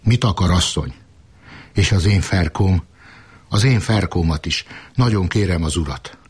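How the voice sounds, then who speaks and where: A man's voice: low voice, breathy edge. A man voicing a desperate peasant woman who begs for help. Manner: begging. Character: desperate peasant woman begging on her knees.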